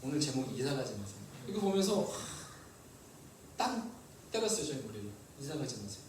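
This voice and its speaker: A male pastor preaching a sermon, lively and asking the congregation questions. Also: medium pitch, a little fast, heavy reverb, distant mic, slight background noise, low-quality recording. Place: church hall.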